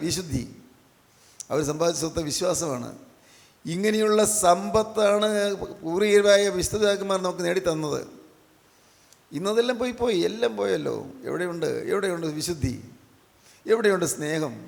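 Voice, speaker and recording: A man's voice: fairly high pitch, creaky. A man preaching a sermon, repeating his phrases and asking the listeners question after question. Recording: echoey hall with long reverb.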